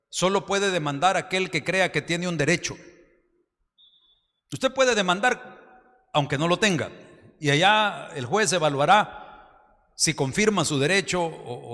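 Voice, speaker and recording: A pastor preaching a sermon fervently, often dropping into a confiding tone. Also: male voice, fairly high pitch, fairly bright tone. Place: church hall. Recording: reverberant church hall.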